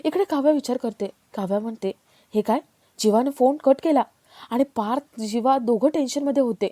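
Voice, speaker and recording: A woman narrates a television serial recap, reading each character's lines in her own even voice. Her tone is mellow and soft. The recording is close and dry. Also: fairly high pitch, normal speed, no echo.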